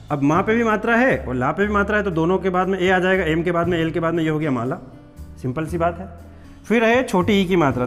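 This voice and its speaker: Guy teacher, high voice, slow patient spelling lesson, long reverb and faint music behind. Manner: patient, repeats words and checks understanding. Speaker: English teacher. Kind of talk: classroom-style spelling lesson.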